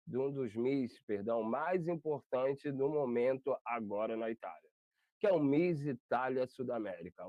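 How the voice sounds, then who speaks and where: Hosting an interview over a video call, a Brazilian man chats in a rambling way and keeps correcting himself. His mid-range voice has a darkish tone with no room sound, and the call audio is dull and lo-fi.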